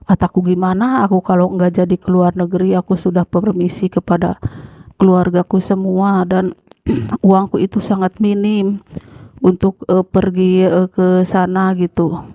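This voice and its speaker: An Indonesian woman telling her own story casually, halting with many fillers and frequent throat clearing. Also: fairly low pitch, little pitch movement, no room sound. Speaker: former migrant worker telling her story. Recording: dull lo-fi sound.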